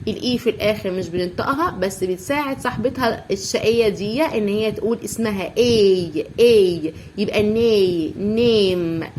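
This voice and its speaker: A woman's voice: medium pitch, darkish tone, a little hiss or hum. A woman with an Egyptian Arabic accent teaching an English lesson to young children, stretching out and repeating each word again and again. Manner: slow, drawn-out drilling of each word, repeating sounds many times.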